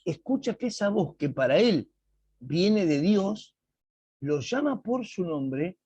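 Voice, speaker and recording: Husky, slow male Bible teacher. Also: sits high, big pitch swings, dark tone, no room sound, lo-fi sound. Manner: slow, emphatic explaining with dramatic read-aloud quotes. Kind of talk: online Bible class lecture. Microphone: video call.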